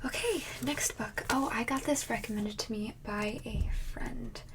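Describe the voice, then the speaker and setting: A woman in an ASMR role-play as a friendly librarian, chatting casually and haltingly in a soft, breathy soft voice. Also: background noise. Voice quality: soft, breathy soft voice with some low voicing.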